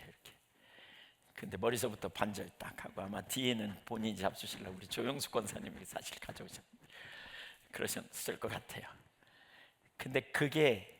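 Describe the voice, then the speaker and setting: Gravelly-voiced male pastor preaching. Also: lowish voice, animated, moderate pace, fairly bright tone. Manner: conversational, storytelling sermon with quoted prayers. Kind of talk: sermon.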